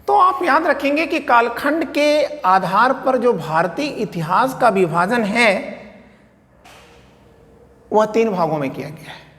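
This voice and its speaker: A man gives a classroom history lecture. His pitch rises and falls a lot as he poses questions and answers them. His voice rings with a long reverb, as in a hard-walled room. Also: animated, takes it slowly, fairly bright tone. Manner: asks questions aloud and answers them, repeats "okay". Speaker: history teacher.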